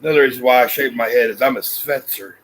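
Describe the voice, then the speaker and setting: A man's voice: mid-range voice, quick pace, fairly bright tone, poor audio. Folksy man chatting casually. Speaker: vlog host. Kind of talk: casual chat.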